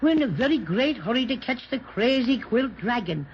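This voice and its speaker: A performer voicing a cheerful, protective little cinnamon teddy bear who reassures the children and is bossy toward the stork, in a 1930s radio drama. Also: female voice, on the high side, lively intonation, moderate pace, a little hiss or hum, natural voice. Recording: dull old 1930s radio transcription.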